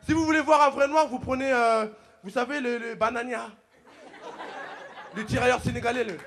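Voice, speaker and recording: A man from the Congo doing loud, joking stand-up comedy on a TV stage, laughing through his lines. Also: very high voice, fairly even intonation, normal speed, a faint crowd, slight background noise. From Democratic Republic of the Congo. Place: TV studio stage with a live audience.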